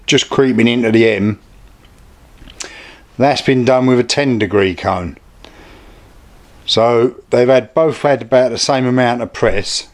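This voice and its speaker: British male craft presenter, mid-pitched, plain-spoken and low-key, informal workshop-demo delivery. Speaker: hobby craft video host. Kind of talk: informal hands-on demonstration.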